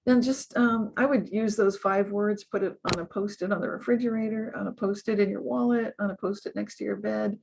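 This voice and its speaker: A woman guest in an interview, talking earnestly and upbeat, often laughing and growing animated as she gives advice. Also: mid-range voice, fairly quick, vocal fry, few pauses, background noise. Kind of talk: conversational interview.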